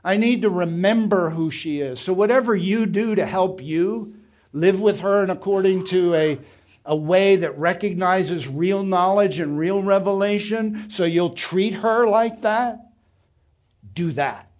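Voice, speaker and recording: Male pastor, middle-aged, emphatic sermon delivery, fairly high pitch. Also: unhurried, a little mellow. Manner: preaching with emphatic, varied delivery.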